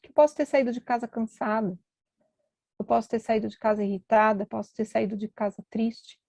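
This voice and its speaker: A woman's voice: a little high, fairly even intonation, a little fast, vocal fry, a little mellow, dry recording. A middle-aged woman, a physician, giving a conversational storytelling talk at an event and acting out the voices of the people in her stories.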